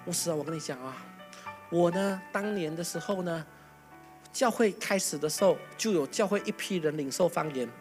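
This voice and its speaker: A preacher voicing an elderly male church elder who speaks in a soft, lowered, plaintive way. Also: normal speed, soft background music, lightly acted. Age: older.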